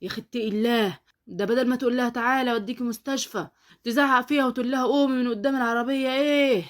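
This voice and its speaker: Female reader playing an indignant Egyptian bystander, quick and loud, storybook reading. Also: a little high, fairly even intonation, close to an everyday voice. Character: angry indignant male bystander.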